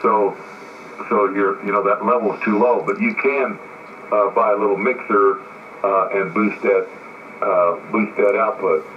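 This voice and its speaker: Low-voiced man over mistuned ham radio. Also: fairly even intonation, a little slow. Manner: easygoing, technical, rambling with fillers. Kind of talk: casual on-air radio chat. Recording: tinny radio line from far off with light static.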